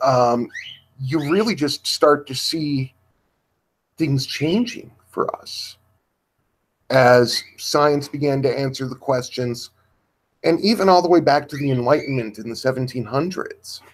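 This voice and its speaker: A man speaks at a deliberately slow pace, with frequent pauses as he feels his way toward each point. His voice sits in an ordinary middle register, and he talks in a halting, thoughtful way during a livestream discussion. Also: medium pitch. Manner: slow and halting, pausing to search for words.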